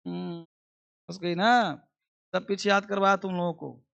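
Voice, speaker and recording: A man's voice: high-pitched, little pitch movement, moderate pace, vocal fry, a bit bright, clean tone, dull audio. A man teaching a basic English class, drilling words and repeating questions for students to answer.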